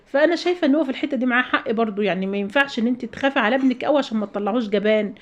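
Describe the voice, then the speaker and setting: A woman in her thirties with an Egyptian Arabic accent rattles through a home vlog, venting and handing out advice. Her voice sits a little high and her words tumble out very fast. The recording is dull and lo-fi. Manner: rapid chatty venting with advice. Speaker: vlogger, mother. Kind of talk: casual storytelling to viewers.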